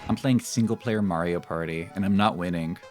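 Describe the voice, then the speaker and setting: A man's voice: deep voice, a little fast. A man chatting casually and rambling as he streams a game. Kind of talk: casual chat while gaming. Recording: music behind the voice.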